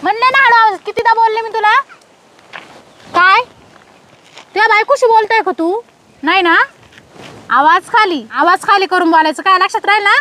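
A woman playing a strict, domineering female police officer who scolds with rapid questions. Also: very high-pitched, bright, forceful tone. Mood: scolding. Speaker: police officer in a comedy skit.

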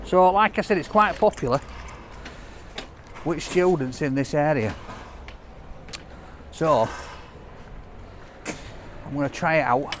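Yorkshire man, jokey food vlogger, slightly high voice, out on a noisy street. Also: slow, pauses often, a bit bright. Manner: chatty, jokey, cheerful banter. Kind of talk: casual vlog chat. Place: outdoors on a city street. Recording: street noise behind. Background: traffic and scaffolding work.

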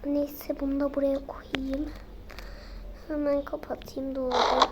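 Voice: high-pitched, little pitch movement, slow pace, very noisy. A child playing a fed-up scolding mom. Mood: grumbling. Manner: exasperated, scolding, grumbles under her breath. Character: short-tempered adult mother, fed up with her naughty daughter.

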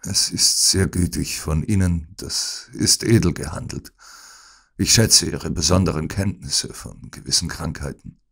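A man voicing a gravely ill detective who whispers weakly but gives urgent, commanding orders. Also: low-pitched, a little slow, fairly bright tone, heavily acted. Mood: faint. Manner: weak, breathy, urgent orders. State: feverish and dying. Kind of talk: audiobook acting.

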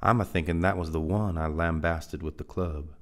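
Man voicing a gruff frontier trail man, deep voice, folksy backwoods drawl, hot-tempered, stubborn, dramatic reading. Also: steady tone, moderate pace, close to an everyday voice. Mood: musing.

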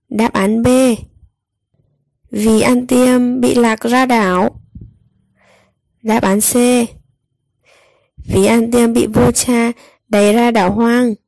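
A woman narrating a scripted storybook tale for young children, enunciating clearly as a storyteller. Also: a little high, a little mellow, no room sound.

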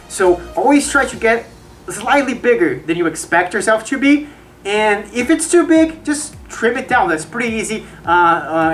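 A mid-pitched woman talks from inside a fursuit head, reviewing her gear in a loose, chatty way. She stumbles over words and leans on fillers. Faint music plays underneath. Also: distant mic. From Brazil. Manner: chatty, with frequent fillers and repeats. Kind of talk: casual review vlog.

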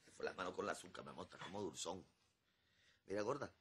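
An actor playing a comic, lazy husband recovering at home in a telenovela, with a whiny, joking manner. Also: male voice, low-pitched, fast talker, fairly bright tone, slight background noise. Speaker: soap opera character. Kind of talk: telenovela comedy acting.

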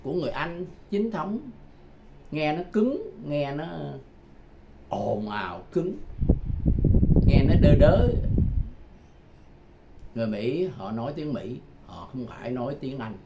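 Older male tutor, chatty and repetitive, in a dull lo-fi recording with loud noise behind. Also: on the high side, big pitch swings. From Vietnam. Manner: chatty, repeats phrases slowly, chuckles often. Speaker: English tutor. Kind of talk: casual self-made language lesson.

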